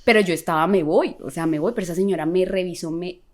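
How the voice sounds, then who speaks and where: A young woman telling a personal story in a casual, animated way, acting out the people she met. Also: on the low side, quick pace. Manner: animated, acts out the voices of the people in her story. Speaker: podcast guest sharing a testimony.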